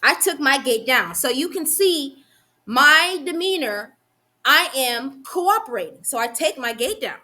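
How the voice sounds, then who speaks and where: A vlogger, a young woman with a slightly high, sharply bright voice, delivers an angry venting monologue to the camera. It's heated and full of profanity, her sentences running on and restarting as her thoughts outpace her words.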